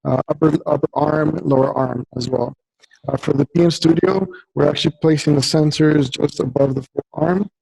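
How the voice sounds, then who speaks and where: A man's voice: a little high, fairly even intonation, gravelly, warm tone, slightly rough, no echo. Man on a crackling, distorted mic. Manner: halting, with frequent fillers and restarts. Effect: crackling, distorted microphone audio. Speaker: co-host demonstrating motion-capture suit setup. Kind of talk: live online tutorial.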